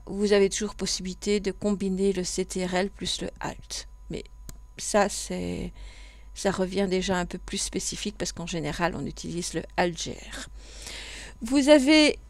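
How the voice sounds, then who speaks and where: A woman with a Belgian French accent, calmly walking learners through keyboard use step by step in a computer class tutorial. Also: mid-range voice, no echo. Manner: patient step-by-step explaining, with frequent fillers. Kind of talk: screen-recorded tutorial.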